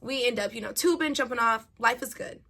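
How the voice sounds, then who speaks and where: A young woman casually telling a personal story to her viewers, animated and chatty, laughing now and then. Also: on the high side, a little fast. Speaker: vlogger.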